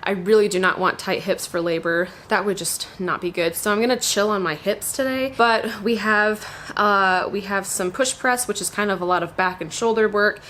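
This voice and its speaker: A woman's voice: mid-range voice, fairly even intonation, moderate pace, fairly bright tone, a little hiss or hum. A heavily pregnant young woman talking casually to camera as a fitness vlogger, explaining things in an informal, conversational way. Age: young adult. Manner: conversational, informal, peppered with "like" and "you know". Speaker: fitness vlogger, workout demonstrator. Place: small home garage gym, indoors.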